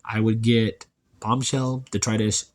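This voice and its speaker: Low-voiced man chatting through a toy review. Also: a little slow. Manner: relaxed, chatty, thinking aloud while handling a figure.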